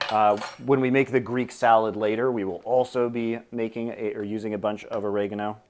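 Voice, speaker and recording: A man's voice: fairly low pitch, flat delivery, a little fast. A man hosting a casual cooking stream, explaining each step aloud with dry, teasing humor. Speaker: cooking show host.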